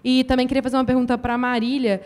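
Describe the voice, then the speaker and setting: A woman's voice: high voice, flat delivery, darkish tone. A young woman in her twenties, a student, politely asking a question at a forum. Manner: polite, slightly halting.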